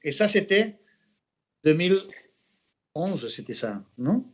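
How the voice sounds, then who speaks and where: A man who is an actor and interview guest, telling anecdotes in a lively way, with many restarts and bits of English mixed in. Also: fairly high pitch, slow pace, husky. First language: Catalan. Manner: animated storyteller, many restarts, mixes in English phrases.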